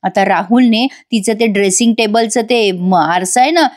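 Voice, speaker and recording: A woman casually retelling a TV serial episode in a chatty, animated storytelling manner. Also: mid-range voice, normal speed. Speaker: TV serial recap host.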